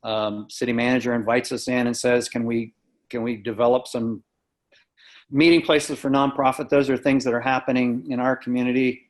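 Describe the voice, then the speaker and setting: A community task force member, an American man, reports in a casual, no-nonsense way on a video call, captured by the call's microphone. He speaks at an ordinary pace with a medium-pitched voice and a level tone.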